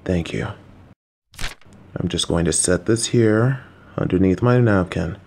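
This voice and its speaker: His voice is low, gravelly and a little mellow, his pace a little slow, with slight background noise. As a voice actor in a listener-directed roleplay, he portrays a patient, supportive, slightly clueless middle-aged father, calm and coaxing, reassuring his child between jokey asides.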